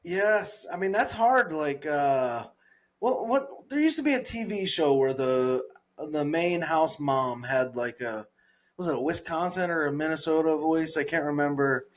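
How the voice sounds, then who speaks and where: A grown man with a Southern drawl co-hosts a podcast in an easygoing chat, his voice on the higher side and a touch slow. He laughs a lot and lets sentences fade while he looks for words.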